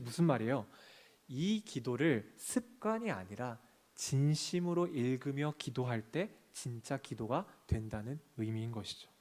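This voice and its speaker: A man's voice: medium pitch, darkish tone. A man preaching a sermon as a pastor in a church sanctuary, asking the congregation questions and answering them himself, and reading scripture aloud.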